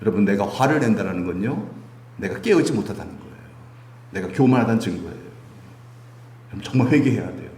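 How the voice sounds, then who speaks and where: A man's voice: lowish voice, quick pace, long pauses. A male pastor preaching a sermon and leading prayer, often asking the congregation questions. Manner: animated, asks the congregation questions. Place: church sanctuary. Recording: echoey church hall with faint music.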